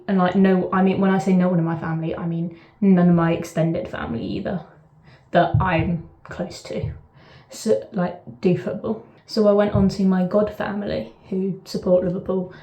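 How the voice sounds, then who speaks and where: Chatting to camera from her bath, this southern English woman wanders into asides and stops herself partway through ideas. Her fairly low voice is warm and level at an ordinary speed, though the echoey bathroom audio has its highs cut off.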